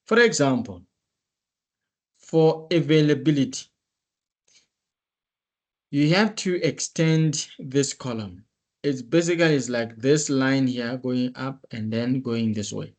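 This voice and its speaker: A man teaching over a video call, his voice carried through a computer mic. He talks slowly and deliberately, walking through each step in a methodical way, at a middle pitch. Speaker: instructor. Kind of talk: screen-share tutorial walkthrough. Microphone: computer mic on a meeting call.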